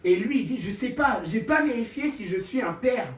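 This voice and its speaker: Rambling comedian, distant in a room. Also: male voice, extremely high pitch, expressive, normal speed. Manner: rambling, self-interrupting storytelling; often laughing at his own lines. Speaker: stand-up comedian. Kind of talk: open-mic improv comedy. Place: small comedy venue stage. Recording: roomy, distant, audience noise. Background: audience.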